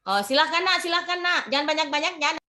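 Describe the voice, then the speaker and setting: A woman teacher leads a classroom lesson on Quran reading, her high voice fast and sharp. She instructs in a motherly way, repeating words and phrases.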